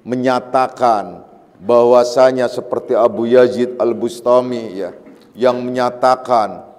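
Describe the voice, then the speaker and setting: Speaking slowly in a steady, medium-pitched, slightly mellow voice, a man lectures as a Sufi teacher on a classical religious text. A long reverb tail trails his words as he patiently explains with repetition and everyday examples, warning emphatically at points.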